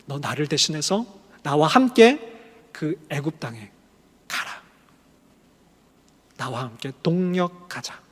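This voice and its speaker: A man acting out God as a calm, commanding deity who gives firm orders. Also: fairly high pitch, slow, pauses often, husky, full character voice. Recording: long hall reverb.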